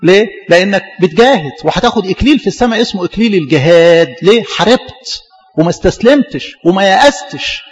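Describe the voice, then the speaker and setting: A man with an Egyptian Arabic accent, a priest preaching a sermon. He is animated, asks rhetorical questions and acts out the voices of his listeners. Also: high-pitched, quick pace, long reverb tail, faint music behind.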